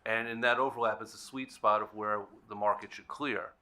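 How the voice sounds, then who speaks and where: A man's voice: lowish voice, fairly even intonation, a little fast, sharp tone. A man, speaking as a consumer advocate on a panel in an earnest, plainspoken way. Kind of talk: panel discussion remarks.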